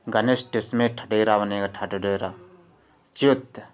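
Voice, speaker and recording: Man, teacher, slow unhurried delivery, repeats words, quizzes class. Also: on the low side, steady tone. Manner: drills words by repeating them and quizzing students. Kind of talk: exam-prep spelling lesson.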